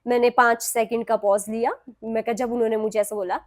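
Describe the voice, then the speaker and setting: A young adult woman from Himachal Pradesh, a guest on a talk show, telling a personal story in an animated way and acting out what others said. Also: on the high side, fairly quick. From Himachal Pradesh, India. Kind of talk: recounting a personal story in an interview.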